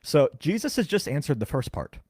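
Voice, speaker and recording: A man co-hosting a podcast, carefully explaining scripture in casual chat and slowing down to stress key words. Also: on the high side, sing-song, a little mellow, dry recording, clean studio sound. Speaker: podcast co-host. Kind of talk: casual Bible teaching chat.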